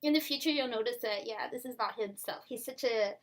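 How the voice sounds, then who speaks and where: A woman's voice: fairly high pitch, fairly quick. A woman talking casually to the camera as a first-time mom in a home vlog, chatty and rambling, often breaking into laughs.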